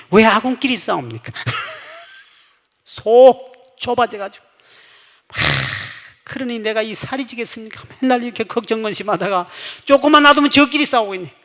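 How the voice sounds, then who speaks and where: A middle-aged male pastor preaching a revival sermon, folksy and humorous, telling anecdotes and bursting into shouts for emphasis. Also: high voice. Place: church sanctuary. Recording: echoey church hall.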